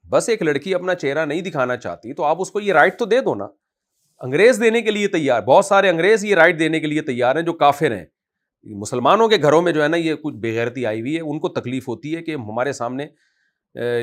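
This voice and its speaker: A man, an Islamic scholar, answering a question in a conversational religious talk, scolding and forceful in manner. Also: on the high side.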